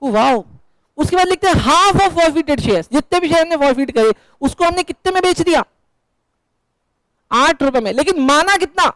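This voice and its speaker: Male accounts teacher, very high pitched, dry close sound, playful and questioning with the class. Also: lively intonation, moderate pace, fairly bright tone, no room sound, rough recording. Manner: joking, quizzing students, mixing English terms. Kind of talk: classroom lecture.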